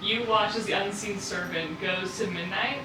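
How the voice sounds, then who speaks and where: A woman's voice: mid-range voice, normal speed. A woman acting as game master, narrating a tabletop game in a casual way. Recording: echoey room, distant mic, clear background noise.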